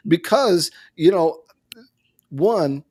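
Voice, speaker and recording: A man's voice: on the high side, expressive, drawn-out words, a little mellow. A man hosting a casual panel chat on a video call. He talks in a conversational way and laughs often. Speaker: host.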